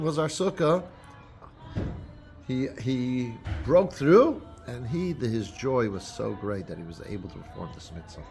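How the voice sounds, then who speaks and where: A man speaking as a rabbi, giving an unscripted holiday talk to his congregation with frequent restarts and fillers. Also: medium pitch. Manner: unscripted, halting, with many restarts.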